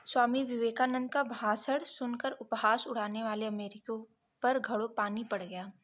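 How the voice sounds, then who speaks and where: A woman teaching an exam prep lesson, reading each option and then correcting it step by step, sometimes pausing to check her notes. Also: a little high, fairly bright tone, slight background noise. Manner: pauses to check notes mid-sentence.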